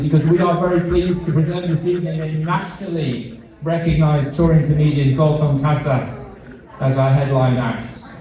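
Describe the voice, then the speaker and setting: Slightly high and mellow, this middle-aged British man's voice carries a fundraiser speech he gives as a charity CEO. He jokes gently at his own expense, hesitates, and repeats words. It's a large event hall with echo, and the mic sounds far off.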